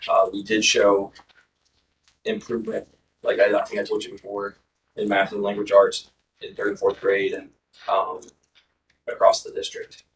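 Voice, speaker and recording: A man's voice: lowish voice, completely flat delivery, moderate pace, pauses often. A man reporting school test and attendance results to a school board, informal and full of ums and uhs. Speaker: school district administrator presenting data. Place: school board meeting room. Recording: distant microphone in a meeting room.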